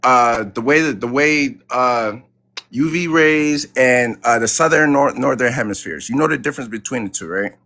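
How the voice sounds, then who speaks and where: A man's voice: medium pitch, moderate pace, sharp tone. Defensive male caller from Connecticut. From Connecticut, United States. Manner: defensive, keeps asking to be heard, casual slang. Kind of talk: live call-in debate.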